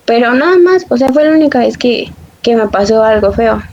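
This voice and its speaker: A woman's voice: a little high, lively intonation, fairly quick, darkish tone. A young woman, chatting casually and telling stories with frequent laughs. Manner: chatty storyteller, laughs often, self-described sensitive. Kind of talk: casual chat. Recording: dull lo-fi audio.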